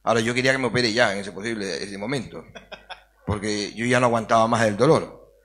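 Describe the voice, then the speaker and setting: A man's voice: fairly low pitch, a little fast, a bit bright. Earnest man telling his testimony. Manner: earnest storytelling, acts out dialogue. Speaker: interview guest. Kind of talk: personal faith testimony.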